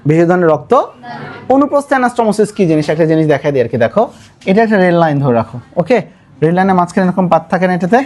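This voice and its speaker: A man teaching biology in a notably high voice with a Bangladeshi Bengali accent drills his students with repeated questions in call-and-response style, urging them to answer louder and weaving English words into his explanations.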